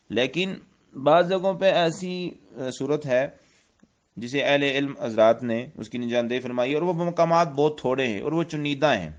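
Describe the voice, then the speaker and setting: A man's voice: medium pitch, muffled recording. A man with a Pakistani Urdu accent giving a religious lesson on Quranic script, explaining step by step, repeating points and reciting Arabic verses. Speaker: Quran teacher.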